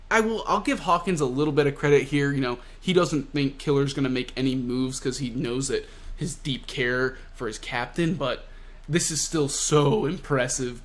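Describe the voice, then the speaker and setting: A young man casually and excitedly recapping a manga chapter, full of slang and fillers. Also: mid-range voice. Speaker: manga reviewer.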